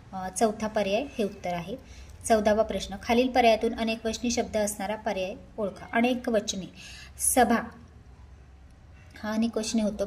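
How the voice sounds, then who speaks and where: A woman's voice: mid-range voice, darkish tone, slight background noise. Woman teacher patiently explaining test answers. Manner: patient, step-by-step, reads questions then answers.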